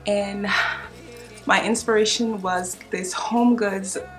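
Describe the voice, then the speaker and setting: Faint music plays behind a young woman who talks slowly about her home decor finds in a casual vlog. Her medium-pitched voice keeps a fairly even intonation, yet she comes across as chatty and excited, addressing viewers as "you guys."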